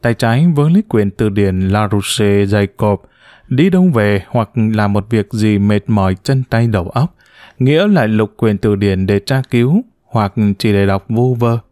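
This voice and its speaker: A male narrator reading a family drama in a dramatic audiobook style. His delivery is lively and animated. The voice sounds close and dry, with no reverb. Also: lowish voice, measured pace. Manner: expressive, lively storytelling. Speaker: storyteller.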